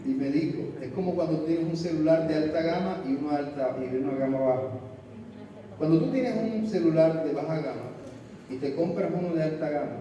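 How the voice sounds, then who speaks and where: A man's voice: on the high side, a little fast, background noise. A man preaching a sermon, calling out to the congregation and prompting amens. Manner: call-and-response, prompting amens. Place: large hall. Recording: echoey hall from far off.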